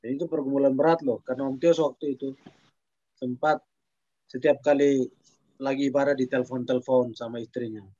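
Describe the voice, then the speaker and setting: Earnest pastor telling a story. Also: male voice, mid-range voice, fairly even intonation, brisk, pauses often, warm tone, dry recording. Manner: earnest, recounting with quoted dialogue. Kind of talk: storytelling in a church talk. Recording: dull dry sound.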